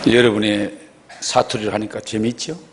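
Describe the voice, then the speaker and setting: A man preaching as senior pastor, emphatic and repetitive, swinging between loud and soft. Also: fairly low pitch, level tone, moderate pace, slight background noise. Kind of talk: sermon.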